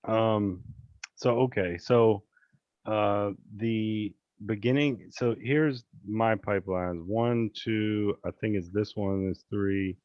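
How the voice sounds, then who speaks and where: A man coaching on a casual screen-share call, chatty and relaxed, with many fillers and restarts. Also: fairly low pitch, slow pace, dry recording, highs cut off. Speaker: real estate investing coach. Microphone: video call.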